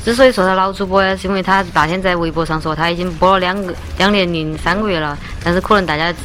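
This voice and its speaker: A woman's voice: lowish voice, steady tone, quick pace, fairly bright tone, slight background noise. A young woman with a Chongqing accent, chatting casually and teasingly with viewers during a livestream. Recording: faint music behind.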